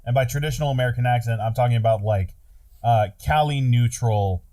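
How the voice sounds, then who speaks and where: A man as a podcast guest in casual chat, relaxed and hesitant with many fillers. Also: mid-range voice, brisk.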